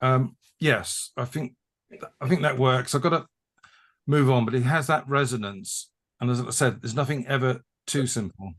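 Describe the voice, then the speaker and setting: A man tutoring a haiku workshop over a video call, talking in halting restarts as he thinks aloud. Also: medium pitch. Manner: halting, repeats words while thinking. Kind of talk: conversational teaching.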